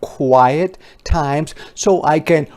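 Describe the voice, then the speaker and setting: With a mid-range voice and a very slow delivery, a teacher reads aloud to young children for phonics. Letter sounds and words are enunciated with exaggerated care, and the reading includes playful, expressive asides.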